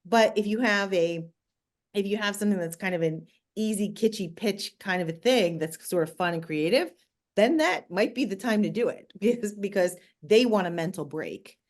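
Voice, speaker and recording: At normal speed and in a mid-range, expressive voice, a woman with a New Jersey accent talks through advice as an interview guest. A communications expert on a podcast, she explains things emphatically and directly.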